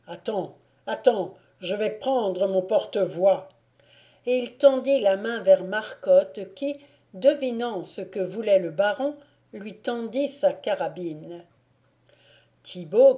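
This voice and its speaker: Brief: female audiobook narrator, calm and measured, slow, warm-toned. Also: mid-range voice. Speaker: audiobook reader.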